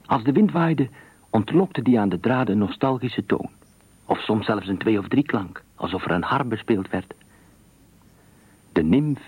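A man narrating a radio story in a measured, deliberate way, with a husky voice. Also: lowish voice, a little mellow, dry recording.

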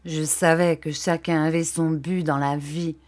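A woman's voice: deep voice, level tone, a little slow, darkish tone. A woman voicing a broken, despairing older man who pours out his remorse in a storybook reading. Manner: anguished, pleading.

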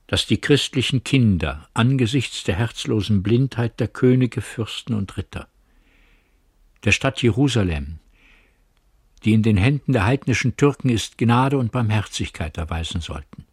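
A fervent young shepherd preacher, voiced by a man in a radio drama, proclaiming a divine calling in solemn, lifted phrases. The voice sits low and husky, recorded close and dry. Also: expressive, measured pace, dry recording, heavily acted.

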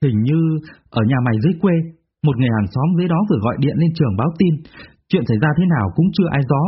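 A man's voice: medium pitch, lively intonation, racing, slight background noise, close to an everyday voice. A man voicing a young male friend who speaks urgently with a trembling voice. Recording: tinny phone-like sound.

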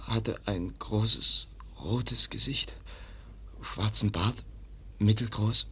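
Speaking extremely slowly, this actor gives a lowish, bright, forceful, husky and exaggerated voice to Kaspar, a stabbed young man in a radio play. Kaspar is weak and halting, whispering breathily in broken, clipped sentences, and the mood is weak and faltering.

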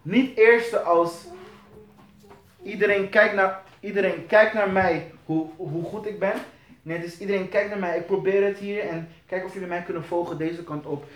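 A man teaching church leaders, animated, repeating phrases and searching for words. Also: high voice, moderate pace, echoey room. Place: church hall.

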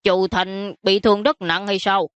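A woman voicing a vain, plump older prince who grumbles in a slow, huffy way. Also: medium pitch, flat delivery, clean tone, no echo, dull audio, lightly acted. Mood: grumpy.

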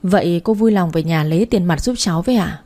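A polite young shop clerk from a storybook, deferential and apologetic, as a woman reader voices her. The tone is soft and mellow, set fairly low. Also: quick pace, lightly acted.

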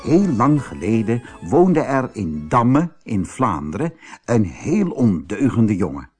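A man from the Netherlands reading a storybook aloud in an expressive, unhurried way. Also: on the low side, faint music behind. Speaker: storybook narrator. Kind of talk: scripted storybook narration.

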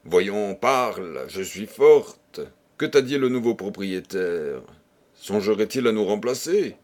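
A man doing a forceful concierge's wife. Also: fairly low pitch, lively intonation, slow. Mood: insistent. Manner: insistent, mocking. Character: forceful scornful middle-aged concierge's wife.

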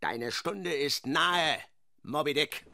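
An actor playing an obsessed, commanding whaling captain who barks orders in a radio drama, with noisy effects behind him. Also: male voice, a little high, slow pace, creaky. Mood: grim, resolute.

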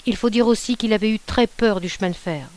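A woman's voice: mid-range voice, brisk, a little mellow, dry recording, natural voice. A woman voicing a timid, henpecked young husband who stammers meekly. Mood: desperate. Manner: stammering, meek.

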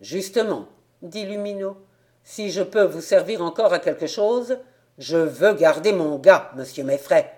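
A woman's voice: on the low side, unhurried, a little mellow, lightly acted. A woman reading the part of a proud, tall old peasant farmer and father who speaks earnestly and solemnly. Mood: pleading.

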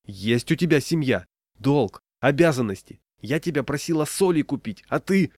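A man voicing an indignant wife who scolds her husband in a raised, shrill tone. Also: big pitch swings, measured pace, dry recording.

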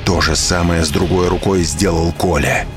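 A man narrating an audiobook in an expressive storytelling manner. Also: deep voice, moderate pace, music in the background. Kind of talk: scripted narration.

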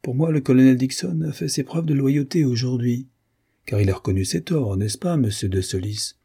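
A man's voice: medium pitch, normal speed, dark tone, breathy edge, pitched above the performer's own voice. A man reading the lines of an anxious, spirited young woman in a novel. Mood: eager.

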